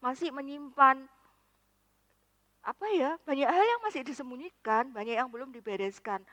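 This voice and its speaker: A woman's voice: high voice, expressive, moderate pace, fairly bright tone, in a large hall. A woman preaching a sermon in church, telling stories animatedly and acting out what her friend said. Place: church hall.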